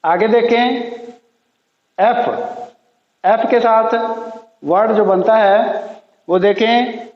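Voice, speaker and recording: Slow, high-voiced man teaching pronunciation. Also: steady tone. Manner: slow, repeats each word several times. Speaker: English teacher. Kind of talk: slow classroom pronunciation lesson. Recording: echoey, dull lo-fi room sound.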